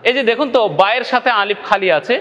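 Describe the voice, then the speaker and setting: A man's voice: extremely high pitch, racing, fairly bright tone, big-room sound, highs cut off. A man with a Bangladeshi Bengali accent teaching Quran recitation in a video lesson, patiently repeating each point and checking that viewers follow.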